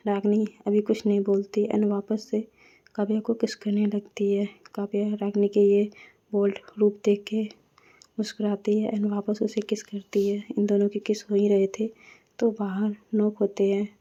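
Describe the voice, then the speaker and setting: A woman narrating a romance story and voicing every character, speaking softly and often close to a whisper. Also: mid-range voice, completely flat delivery, normal speed, dull audio. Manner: soft, often whispered, mixing English words into Hindi.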